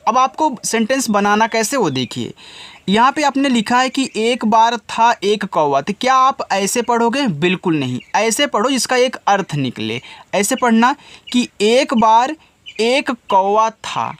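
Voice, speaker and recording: A high-pitched male teacher gives an informal spoken English lesson, patiently going over each step more than once and frequently questioning his listeners directly. Slight background noise can be heard.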